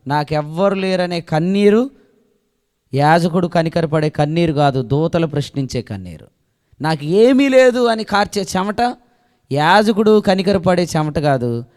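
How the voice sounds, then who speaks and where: A male pastor preaching a sermon who keeps asking the congregation questions and swings between loud declarations and soft asides. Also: fairly high pitch, clear, resonant tone. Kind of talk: Telugu sermon. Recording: long echo of a hall.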